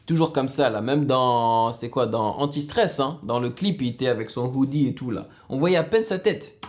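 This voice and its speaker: A man giving casual, excitable reaction commentary on a music video, explaining the production as he goes. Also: medium pitch, moderate pace. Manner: excitable, bursts into exclamations.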